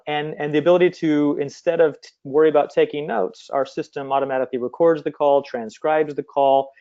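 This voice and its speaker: This interview guest is a man who runs a company and once worked as a recruiter. He explains things in a conversational way, his voice high but somewhat dark in tone, and the call audio is slightly muffled.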